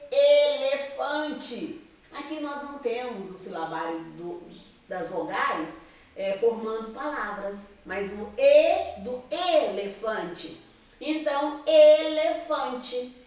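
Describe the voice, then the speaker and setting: Brazilian schoolteacher, woman, patient and repetitive, slightly high voice, distant echoey classroom sound. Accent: Brazilian Portuguese. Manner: patient, repeats and checks understanding with "tá?". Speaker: teacher. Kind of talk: slow classroom explanation to young pupils. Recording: roomy echo, speaker somewhat off-mic.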